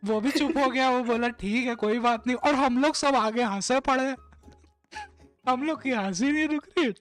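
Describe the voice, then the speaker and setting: A man's voice: extremely high pitch, normal speed, fairly bright tone, faint music behind. A man telling a funny story to friends in a casual, slangy, laughing way.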